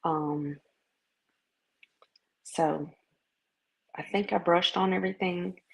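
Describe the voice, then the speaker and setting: Southern american lady doing a casual vlog, lowish creaky voice, folksy, kinda rambles and stops n starts. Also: fairly even intonation, slow, rough recording. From Southern United States. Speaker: vlogger. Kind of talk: casual personal video diary.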